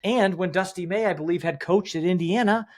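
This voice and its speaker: A man's voice: high-pitched, brisk, a little hiss or hum. A man co-hosting a sports podcast, talking heatedly with swearing and repeated points. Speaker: podcast co-host. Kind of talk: casual sports podcast chat.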